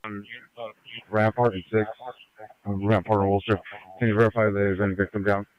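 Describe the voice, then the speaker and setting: A man's voice: on the low side, flat delivery, brisk, a crowd in the background. A man talking procedurally and a little hesitantly over a police radio. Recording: dull lo-fi police scanner radio.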